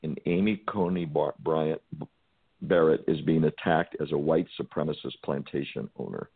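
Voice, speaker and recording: Very deep-voiced male radio host. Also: fairly even intonation, normal speed, creaky, husky, no echo. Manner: indignant, emphatic opinion. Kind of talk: call-in talk radio conversation. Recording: dry tinny phone-band audio.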